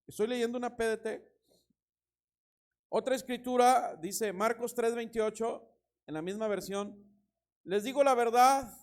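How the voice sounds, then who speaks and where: A man preaching a sermon as pastor, reading scripture and telling anecdotes with lively emphasis and a Mexican Spanish accent. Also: sits high. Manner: animated preaching, reads scripture, tells anecdotes with laughter.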